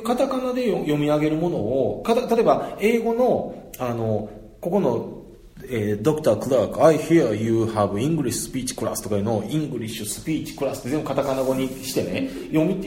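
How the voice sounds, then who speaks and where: A man with a Kansai accent, an English teacher explaining pronunciation in an emphatic, animated, laughing way. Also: fairly high pitch. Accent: Kansai Japanese. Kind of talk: casual explanatory talk. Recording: roomy echo.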